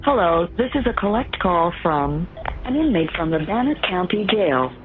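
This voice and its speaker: A woman's recorded operator announcement, played as an automated collect-call message over a jail payphone line, in an even and formal manner. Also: lowish voice, moderate pace. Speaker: recorded phone operator prompt. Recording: tinny payphone line with static hiss.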